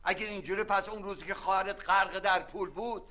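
An actor playing a flustered middle-aged husband caught in a family feud, pleading and blustering. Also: male voice, high voice, steady tone, bright, forceful tone. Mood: indignant. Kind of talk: TV drama acting.

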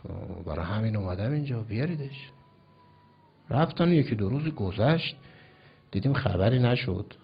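A man's voice: fairly low pitch, expressive, gravelly, pauses often, breathy edge. A man from Iran, a cleric telling a story in a sermon, emphatic and acting out the dialogue. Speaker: cleric preacher. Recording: dull lo-fi recording.

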